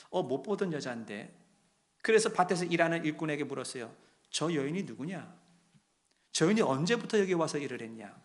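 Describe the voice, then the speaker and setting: Man preaching in a storytelling voice. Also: a little high. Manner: storytelling, swings between hushed and emphatic delivery; asks the congregation direct questions. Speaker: pastor. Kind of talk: sermon.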